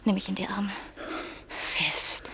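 A woman playing a restless young wife who feels trapped, speaking in hushed, urgent whispers in a radio drama. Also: medium pitch, level tone, slow, vocal fry. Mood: pleading. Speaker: lead actress in a radio play. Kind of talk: German radio drama acting.

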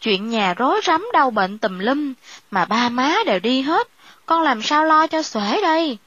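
An anxious, haunted middle-aged wife of a district official speaks in a high, dry voice, as a woman storyteller puts her on. The recording sounds slightly dull and lo-fi. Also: lively intonation, unhurried, a bit bright, breathy edge, no echo, heavily acted. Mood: weary. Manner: anxious, fretful.

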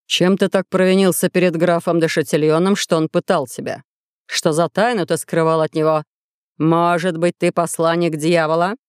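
A storyteller voicing a proud medieval king who speaks in a measured, authoritative way, recorded dry. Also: a little high, little pitch movement, clean tone, no room sound, close to an everyday voice. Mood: stern.

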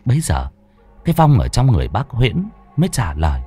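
Expressive man telling a ghost story. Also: medium pitch, quick pace, husky, faint music behind. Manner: expressive, dramatic.

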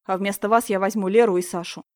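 A woman narrator voices a strict young choir teacher who scolds her pupils in a firm, even voice. The recording is close and dry, with no room around it. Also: mid-range voice, fast talker, no room sound, lightly acted. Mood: stern. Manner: stern, scolding.

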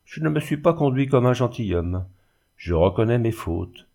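A man's voice: medium pitch, lively intonation, moderate pace, creaky, dark tone. Plaintive, self-pitying, ruined male glassmaker, audiobook character, read by a man. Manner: plaintive, moaning.

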